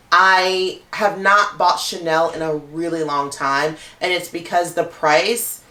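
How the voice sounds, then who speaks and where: A woman's voice: deep voice, bright, forceful tone, roomy sound. A woman talking casually to camera as a luxury handbag YouTuber, chatty and full of "like" fillers.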